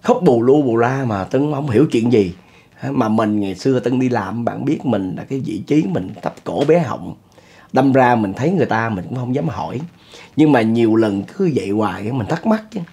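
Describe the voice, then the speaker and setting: A man's voice: mid-range voice, animated, normal speed, gravelly, dark tone, breathy edge. A middle-aged man with a Southern Vietnamese accent, hosting and telling a spoken ghost story in a chatty way, talking to his listeners. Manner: chatty, addresses listeners, chuckles often. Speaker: storyteller host.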